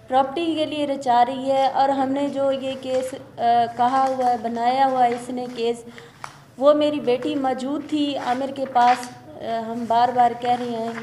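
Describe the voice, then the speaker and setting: Middle-aged woman from Pakistan, high, indignant and insistent, press conference, echoey room. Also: dark tone. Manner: insistent, indignant, repeats her points. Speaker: mother speaking at a press conference. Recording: echoey room with faint noise.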